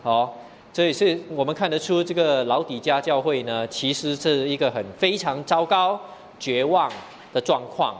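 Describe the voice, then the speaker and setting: A man's voice: on the high side, moderate pace, slight background noise. A man preaching a sermon, explaining scripture verse by verse and often asking the listeners rhetorical questions. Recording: long hall reverb, faint ambience.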